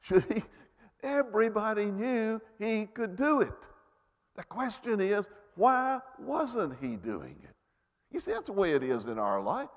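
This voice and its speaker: A man preaching a sermon, rising and falling in volume and dropping low for emphasis. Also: very animated, measured pace. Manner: rises and falls sharply, drops to near-whispers for emphasis. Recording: long reverb of a large hall.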